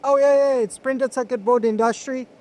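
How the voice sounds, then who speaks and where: A man being interviewed as a manufacturer, explaining products conversationally in a halting way, with repeated words. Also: very high-pitched, steady tone, darkish tone. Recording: clear ambient noise on location.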